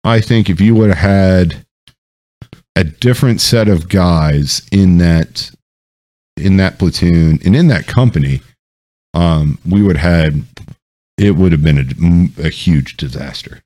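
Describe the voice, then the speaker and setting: A podcast host with a low, mellow voice takes his time telling military stories. The chat is loose and rambling, full of ums and swearing.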